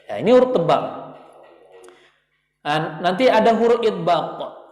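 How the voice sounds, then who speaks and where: A man's voice: sits high, sing-song, a little mellow. Man teaching in an echoey prayer room. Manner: patient, repeats letter sounds slowly for students. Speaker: Quran recitation teacher. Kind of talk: classroom lesson. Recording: echoey room with long reverb.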